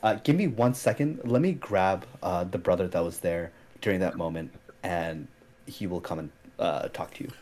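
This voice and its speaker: A man's voice: sits low, normal speed, a little mellow, natural voice. A man voicing a humble young priest who has no name yet, polite and deferential, in a tabletop game. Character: humble nameless young male church priest.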